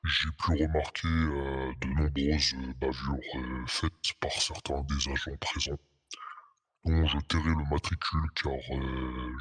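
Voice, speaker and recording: A man playing an anonymous police officer giving guarded, hesitant, formal testimony in a disguised deep voice put through a voice changer. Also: fairly bright tone, breathy edge, exaggerated voice. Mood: guarded, grave. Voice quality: disguised, artificially deepened voice. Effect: pitch-lowering voice changer. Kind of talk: role-play interview. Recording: long echoing reverb, muddy voice.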